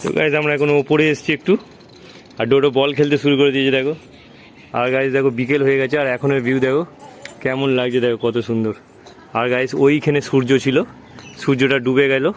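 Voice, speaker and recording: A man narrating a casual family vlog to his viewers, chatty and friendly with the children around him, filmed on a phone at home. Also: mid-range voice. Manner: chatty, addresses viewers as guys, coos at children. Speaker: vlogger. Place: outdoors on a rooftop and around a home. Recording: noisy home phone recording.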